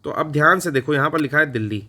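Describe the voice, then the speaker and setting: A man's voice: on the high side, expressive, fast talker, sharp tone. A man teaching an exam-prep lecture, chatty and playful, answering his own questions in a mock student voice. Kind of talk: recorded online lecture.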